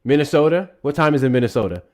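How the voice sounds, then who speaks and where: A young man hosting a live political call-in stream, blunt and profane, quick to anger. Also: mid-range voice, expressive, a little mellow. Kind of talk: heated live call-in talk.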